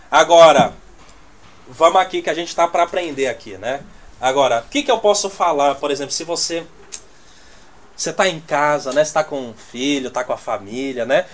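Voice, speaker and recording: Man teaching a church class. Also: on the high side. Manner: conversational, checks the audience with constant "né?" and "tá entendendo?"; loudness swings from near-muttered asides to emphatic bursts. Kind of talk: teaching sermon to a congregation.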